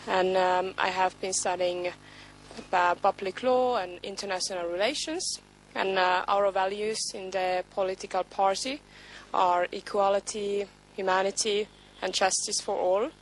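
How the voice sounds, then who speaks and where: A woman, a youth party officer introducing herself in a measured way. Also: medium pitch, steady tone, slight background noise, low-quality recording.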